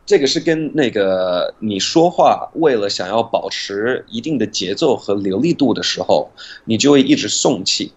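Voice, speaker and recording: Husky-voiced man explaining pronunciation. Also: lowish voice, expressive, highs cut off. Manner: patient, demonstrates sounds slowly. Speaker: guest, pronunciation teacher.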